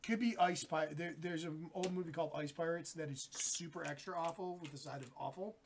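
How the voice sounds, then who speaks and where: A man's voice: fairly high pitch, fairly quick, noisy background. A man casually explaining rules and cracking pop-culture jokes while playing a board game.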